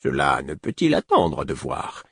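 A man's voice: a bass voice, wildly swooping pitch, unhurried, creaky, slightly rough, dry recording, clean studio sound, pitched below the performer's own voice, full character voice. A man reading a serious, impatient young man. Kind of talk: audiobook character voice.

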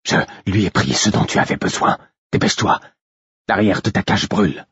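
Wolf talking short and urgent, man reading it, deep husky voice, kinda dull lo-fi sound. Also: lively intonation, normal speed, a bit bright, no room sound, heavily acted. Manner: terse and urgent. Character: male wolf, urgent, blunt, speaking to his companion.

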